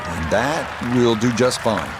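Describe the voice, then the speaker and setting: A man as a composed golf commentator in a video game, giving measured broadcast play-by-play. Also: medium pitch, lively intonation, background noise. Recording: loud music and crowd behind. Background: music and crowd.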